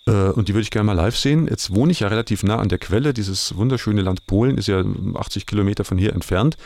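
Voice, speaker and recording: A middle-aged male music host chats casually in a fairly low, creaky voice. He digresses freely and pokes fun at himself in colloquial speech. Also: quick pace, a little mellow, no echo. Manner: self-ironic, digressive, colloquial. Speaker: radio music show host. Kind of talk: casual rambling music presenting.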